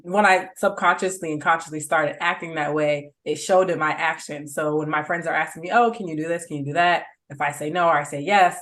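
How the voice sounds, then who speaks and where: Easygoing young woman guest, slightly low voice. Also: steady tone, brisk, hardly any pauses, a bit bright. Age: young adult. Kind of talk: casual interview.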